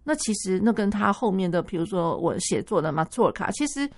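A woman music teacher explaining a piano piece on the radio, singing rhythms aloud and thinking out loud with many fillers. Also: mid-range voice, expressive, brisk. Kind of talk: radio music lesson chat.

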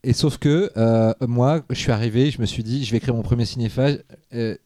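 Casting: quick, warm-toned male film critic, chatty anecdotes, dry close mic. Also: mid-range voice, dry recording. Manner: animated anecdote-telling, swears casually. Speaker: film critic, podcast co-host. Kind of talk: casual podcast chat.

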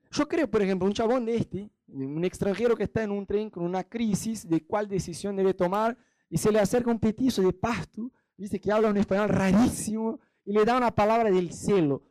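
In a dry recording, a Brazilian preacher's voice sits high with a darkish tone. He talks directly and conversationally to his audience, bringing small stories to life by voicing the quotes.

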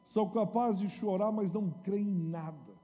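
A man preaching a sermon in Portuguese, dramatic, moving between quiet storytelling and loud shouting. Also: high-pitched, normal speed, in a large hall.

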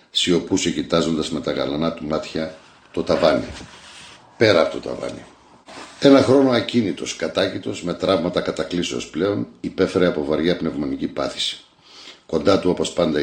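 A man, an actor, narrating a literary short story in a measured, scripted reading. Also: rumbling low, reverberant.

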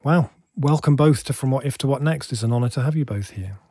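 A man's voice: medium pitch, fast, mellow, slightly rough, dry recording, studio quality. A man hosting a podcast, reading a scripted introduction with enthusiasm and playful asides. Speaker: podcast host.

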